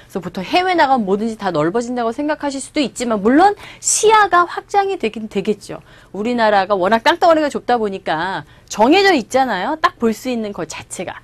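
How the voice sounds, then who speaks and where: A woman's voice: fairly high pitch, very animated, brisk, few pauses, no echo. A woman from South Korea, teaching an English lecture and drilling pronunciation by repeating model words and quizzing her students. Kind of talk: online lecture.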